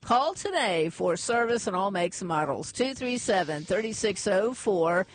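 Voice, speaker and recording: A woman with a medium-pitched, sing-song voice hosts a morning radio show from a studio, chatting casually with a co-host and laughing easily. On a studio microphone, she also reads sponsor spots and community notices briskly and live.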